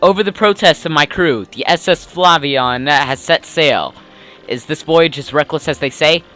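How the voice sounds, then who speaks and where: A man's voice: fairly high pitch, normal speed, pushed and bright, soft background music. A man voicing a pompous, swaggering ship captain in a grand, theatrical pirate voice. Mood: boastful.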